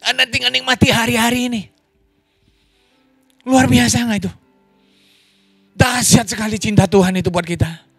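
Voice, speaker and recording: A man preaching a lively sermon as pastor, in an online church service, joking and laughing with the congregation. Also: normal speed, gravelly, long pauses, breathy edge, no echo, faint music behind. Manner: animated, wide pitch swings, jokes and laughs.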